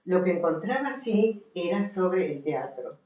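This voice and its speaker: Animated yet measured, a woman from Argentina, an author and historian, speaks as a guest in a lowish, dark voice, reading from and recounting her work for listeners. Faint music and room echo are present.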